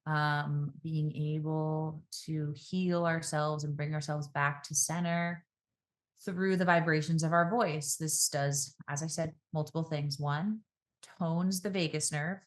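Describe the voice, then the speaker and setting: This is a speaking coach guesting on a podcast, a woman with a calm and thoughtful manner. To show her points, she slows her delivery and shifts her pitch and pace.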